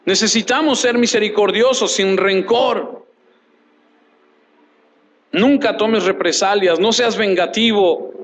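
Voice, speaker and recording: A man preaching a sermon as a pastor. He asks questions and answers them himself, repeats short phrases for emphasis and reads scripture aloud in a measured way. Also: sits high, low-quality recording. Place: church.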